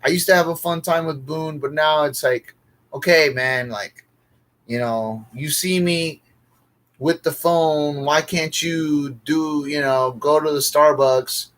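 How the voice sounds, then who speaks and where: A man's voice: a little high, slow, fairly bright tone. A man streaming alone as a comedian, griping in a profane, repetitive, exasperated way. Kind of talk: casual livestream rant.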